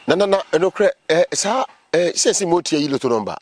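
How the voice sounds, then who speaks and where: A Ghanaian man in his thirties interviewing conversationally, putting his questions in a halting way. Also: fairly high pitch, lively intonation, darkish tone, no echo. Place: outdoors among trees.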